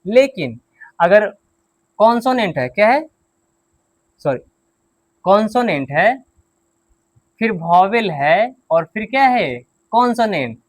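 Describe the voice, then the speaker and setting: High-voiced male teacher, patient and repetitive. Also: sing-song, slow, pauses often, no echo. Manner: patient, repeats key points and asks the class questions. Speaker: English grammar teacher. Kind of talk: classroom lesson explaining grammar and pronunciation.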